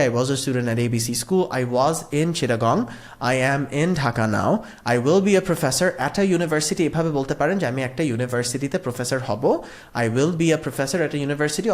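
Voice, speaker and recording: A man teaches a spoken English lesson. His pitch rises and falls in a lively, sing-song way. He says each example sentence slowly and then explains it.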